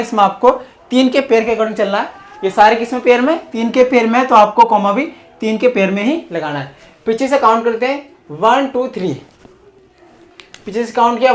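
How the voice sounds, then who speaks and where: A woman with a fairly high voice teaching maths in a classroom style. She explains step by step and keeps asking whether it is clear. Her voice sometimes drifts away from the mic as she writes. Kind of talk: classroom-style math lesson.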